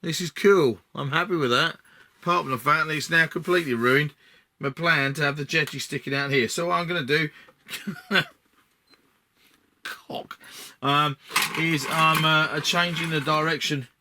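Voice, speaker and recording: Casual hobby maker, male, Essex accent, bright edge to the voice, rambling build commentary over audible background noise. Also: on the high side, fairly even intonation, normal speed, pauses often. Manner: rambling, thinking aloud. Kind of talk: casual talk-through while building.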